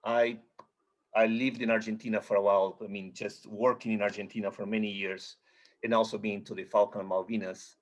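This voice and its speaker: A man's voice: fairly low pitch, flat delivery. A man from Chile speaking as a guest on a video-call webinar panel, often repeating words as he searches for what to say. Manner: halting, repeats words while searching for phrasing. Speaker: panel guest, expedition cruise guide.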